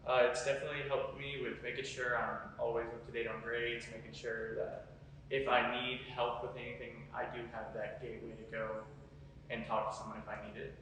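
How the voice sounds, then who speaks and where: A man's voice: mid-range voice, little pitch movement, brisk, a bit bright. A young adult man, a college student, giving casual answers in an interview. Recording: very echoey, distant mic, faint noise.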